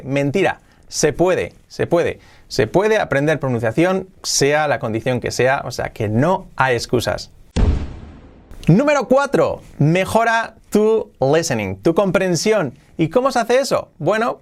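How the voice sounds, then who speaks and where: Energetic man teaching. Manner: emphatic, punches each numbered tip with a jump in pitch. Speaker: English teacher. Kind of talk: energetic online lesson.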